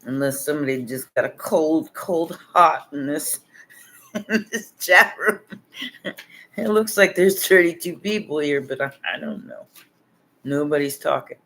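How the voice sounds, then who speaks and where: Tired guy doing a chill tarot livestream, slow and rambly, chuckles a lot, voice kinda worn. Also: a little high, lively intonation, pushed and bright, slight background noise. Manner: laid-back, chuckling, rambling. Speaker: tarot reader. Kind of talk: casual livestream chat and card reading.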